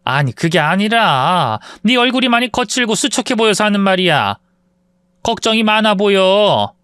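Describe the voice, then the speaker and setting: Male reader as a fussy worried mother, high and pleading. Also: very animated, normal speed, fairly bright tone, smooth, dry recording, studio quality. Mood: fretful. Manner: pleading, fretful.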